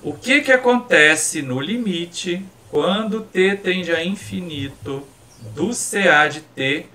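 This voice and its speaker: A man's voice: high voice, slow. A male chemical engineering professor with a Minas Gerais accent, lecturing live in a classroom and quizzing his students. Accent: Minas Gerais Portuguese. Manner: animated, quizzing students with questions. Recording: distant mic in a classroom.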